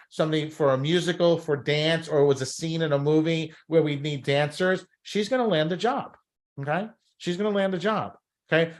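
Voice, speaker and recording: Brooklyn man coaching, higher-pitched voice. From Brooklyn, New York. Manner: emphatic, often tagging phrases with "okay?" and "right?". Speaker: talent scouting coach and presenter. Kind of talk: instructional presentation.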